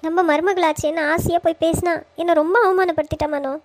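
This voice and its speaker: A woman's voice: very high-pitched, steady tone, fast, no room sound. A woman voicing a hurt mother in a Tamil cartoon, talking in an emotional, pleading way. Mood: upset.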